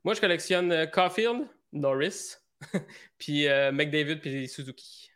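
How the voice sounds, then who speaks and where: A man with a Québécois accent, a podcast guest talking in a relaxed, hesitant way with plenty of fillers. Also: on the high side, takes it slowly, clear, resonant tone. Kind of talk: casual interview chat.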